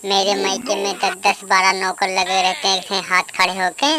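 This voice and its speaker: A woman's voice: mid-range voice, completely flat delivery, normal speed, crowd noise, natural voice. Woman putting on a rude rich daughter-in-law. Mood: arrogant. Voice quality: rude, threatening manner. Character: lazy arrogant rich young daughter-in-law. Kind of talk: homemade comedy skit acting. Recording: music playing behind.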